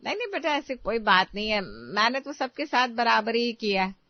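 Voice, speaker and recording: A woman's voice: a little high, very animated, moderate pace, dry recording, lo-fi sound. A woman voicing a pleading middle-aged mother-in-law. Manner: pleading, defensive. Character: stern yet hurt middle-aged Indian mother-in-law.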